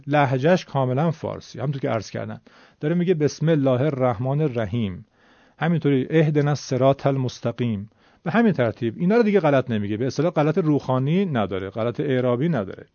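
A man's voice: mid-range voice, dark tone, no room sound. A man teaching Quran recitation in a lecture, explaining patiently and breaking into short chanted demonstrations. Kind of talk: classroom lecture. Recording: dull lo-fi dry recording.

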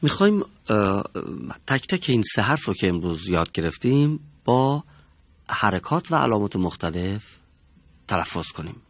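A man teaching the pronunciation of Quranic letters in a studio, demonstrating sounds slowly and carefully. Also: fairly low pitch, big pitch swings, no room sound.

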